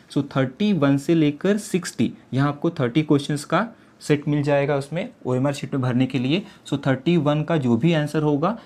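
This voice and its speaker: A young exam coaching teacher with a medium-pitched, darkish voice explains a tutorial step by step. He keeps asking himself rhetorical questions, repeating them, and mixes English words into his Hindi.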